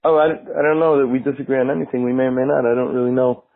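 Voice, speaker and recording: An American rabbi in his 50s explains things thoughtfully during a friendly, casual conversation. His medium-pitched voice is gravelly and fairly even in intonation, and he speaks at a racing pace. The recording sounds tinny, like a phone line.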